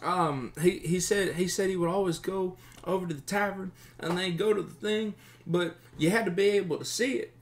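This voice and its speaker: A man's voice: high voice, moderate pace, slight background noise, voice pushed up. A man voicing a nervous, stammering captive bandit who speaks in a raised, anxious voice.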